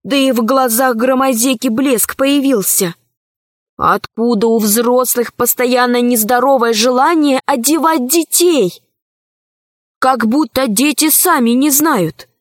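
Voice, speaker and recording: A woman narrates a children's story in a calm, measured way. She reads slowly, in a fairly high voice, with a dry, close sound. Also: no echo. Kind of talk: reading a children's story aloud.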